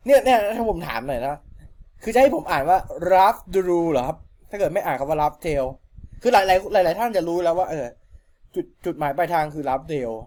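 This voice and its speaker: Young male fan fiction reader, slightly higher pitch, casual and chatty, breaks off to muse over word choices. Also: lively intonation, fast, a little mellow. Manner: chatty, stops often to question wording. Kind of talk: reading a novel aloud with asides.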